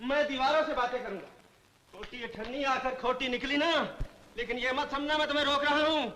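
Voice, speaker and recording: A man's voice: very high voice, steady tone, a little fast, crowd noise. An actor playing a proud, stubborn young man who sulks and mocks in a 1970s Hindi film. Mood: sulky. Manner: sarcastic, sulky. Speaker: hotel keeper, big brother.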